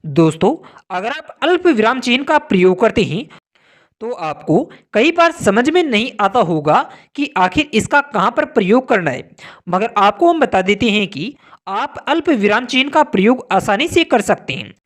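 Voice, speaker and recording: A woman narrating a scripted grammar lesson, slowing down to spell out example words and sentences. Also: fairly high pitch, big pitch swings. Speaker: grammar teacher.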